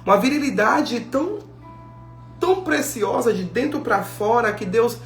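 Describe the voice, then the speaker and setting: Female preacher, lively sermon delivery, roomy echo with soft music behind. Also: fairly high pitch, measured pace. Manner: animated storytelling, acting out biblical dialogue. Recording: echoey room with faint music.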